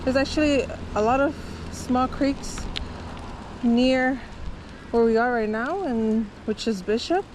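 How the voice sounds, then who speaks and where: Chatty woman vlogging outdoors, slow talk. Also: fairly high pitch. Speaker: vlogger, camping host. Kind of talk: casual vlog chat. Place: outdoors by lakes and creeks. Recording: outdoor background noise.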